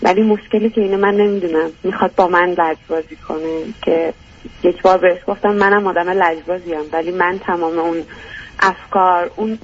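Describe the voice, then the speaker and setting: Young woman, radio caller, hesitant, halting phrases, dull lo-fi sound. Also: on the low side, fairly even intonation, slightly rough. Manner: hesitant, searching for words. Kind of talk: call-in advice talk.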